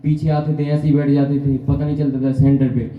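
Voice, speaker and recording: A man's voice: mid-range voice, flat delivery, a little fast. A man speaks to a seminar audience in a roomy meeting hall. He tells his own story as a motivational testimonial, asks rhetorical questions and acts out the dialogue. The sound is dull and muffled, with a strong echo. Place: meeting hall at a business center.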